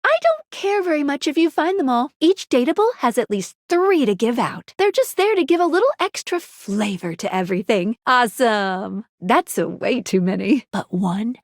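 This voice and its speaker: Perky high-voiced game guide Skylar. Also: female voice, normal speed, hardly any pauses, no room sound, clean studio sound. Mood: cheerful, explanatory. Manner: bubbly, teasing, expressive delivery. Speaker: tutorial guide and dating sim character. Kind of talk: scripted video game character dialogue.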